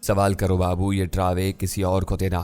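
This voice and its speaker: A man's voice: deep voice, monotone, darkish tone, clean tone, faint music behind, natural voice. A man voicing a defiant, mocking male gang driver who refuses to be scared. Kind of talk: audiobook character voice.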